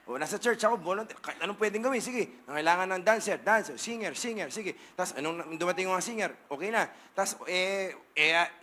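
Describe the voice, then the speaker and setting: A Filipino male pastor giving a humorous, playful testimony sermon, with bursts of shouting. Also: high voice, fairly quick, hardly any pauses. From Philippines.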